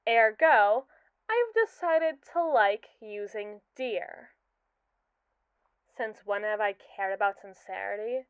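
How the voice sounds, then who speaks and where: A young woman, an ASMR roleplay performer, voices a haughty, scheming captive robot AI in a scripted roleplay monologue. Her fairly high, smooth voice is arch, mocking and wordy, with slow, drawn-out emphasis. The sound is lo-fi with no room sound.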